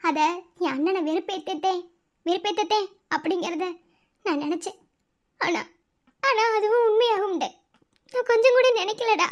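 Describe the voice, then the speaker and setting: A woman's voice: very high voice, moderate pace, long pauses, muffled recording. A woman voicing Nila, a heartbroken young village woman in a cartoon, speaking with a Madurai Tamil accent in a pleading, tearful way. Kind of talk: cartoon voice acting.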